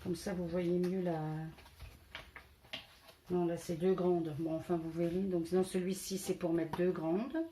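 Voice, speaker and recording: A woman's voice: fairly low pitch, flat delivery, measured pace, mellow, a little hiss or hum. A woman from France presenting a casual scrapbooking haul, hesitant and full of fillers, counting items aloud as she shows them. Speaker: scrapbooking vlogger.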